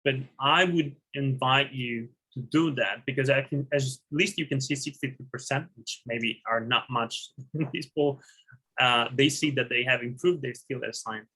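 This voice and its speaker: A man presenting poll results in an online panel discussion, relaxed and laughing lightly. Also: medium pitch, moderate pace, slightly rough, rough recording. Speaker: session presenter.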